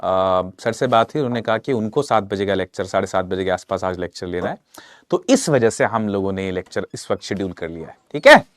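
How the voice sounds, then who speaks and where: A man's voice: low voice, animated, fairly quick, no room sound. A man teaching a live online English class while suffering from a sore throat and a cold, chatty and reading out names and comments from viewers.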